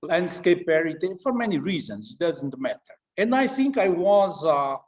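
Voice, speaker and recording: An older man, a retired professor, beginning his remarks haltingly, searching for words. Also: fairly high pitch, very animated. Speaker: professor emeritus. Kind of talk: informal opening remarks.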